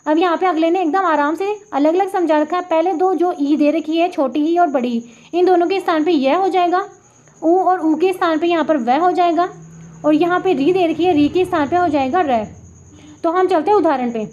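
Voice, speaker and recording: This tutor's voice is extremely high and slightly mellow, shaped by a Rajasthani Hindi accent. Pointing at the board, she patiently explains grammar examples in class, going sound by sound and repeating each slowly. The recording quality is lo-fi and dull.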